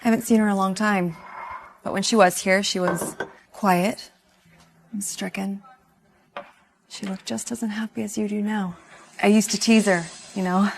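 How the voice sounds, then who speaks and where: An actress playing a bartender who calmly tells a husband about his wife. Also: mid-range voice, a little hiss or hum, natural voice. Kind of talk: short drama acting.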